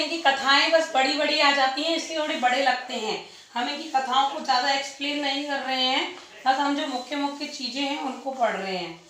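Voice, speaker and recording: A woman's voice: high voice, sharp tone. A woman teaching an exam-prep lecture, posing questions to the class and answering them herself, repeating key points. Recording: echoey room, distant mic.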